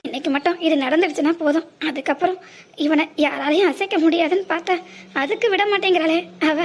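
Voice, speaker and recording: A woman voicing an anxious mother in a cartoon, speaking in a pleading, tearful way. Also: extremely high pitch. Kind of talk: cartoon voice acting.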